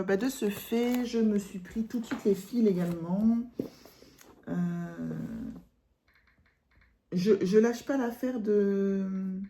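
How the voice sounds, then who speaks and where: A woman's voice: mid-range voice, mellow, a little hiss or hum. A woman chatting casually in a vlog about her embroidery, rambling with many fillers and restarts and sometimes dropping to a whisper. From France. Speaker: cross-stitch vlogger.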